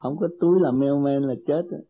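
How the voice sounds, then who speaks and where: A man counsels a disciple as her meditation teacher, gentle and a little teasing, dropping short maxims. His pitch sits in the middle range. The recording is thin and phone-like. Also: brisk, breathy edge. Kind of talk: spiritual counseling. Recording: tinny lo-fi tape.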